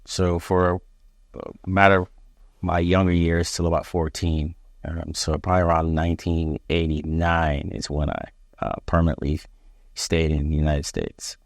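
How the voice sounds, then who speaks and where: A man in his forties from Barbados, a police chief answering interview questions in a measured, halting way with many fillers. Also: low voice, steady tone, vocal fry, dry recording, studio quality. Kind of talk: interview conversation.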